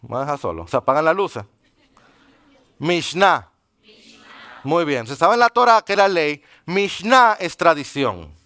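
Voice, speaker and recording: Man preaching, high clear voice. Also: very animated, moderate pace, few pauses, pushed and bright. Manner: teaching with questions to the congregation. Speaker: pastor. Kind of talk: sermon. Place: church.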